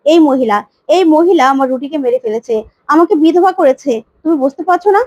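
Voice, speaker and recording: A woman's voice: high voice, animated, quick pace, darkish tone, no echo. A woman doing a hot-tempered young widow. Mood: accusing. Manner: agitated, accusing.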